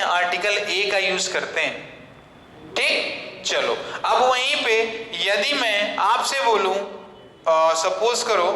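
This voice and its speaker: A man lectures on English grammar with a sharp, bright voice, firing questions at his class and answering them himself. He slows right down for deliberate English phrases. The classroom rings with a long, echoey reverb. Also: sits high.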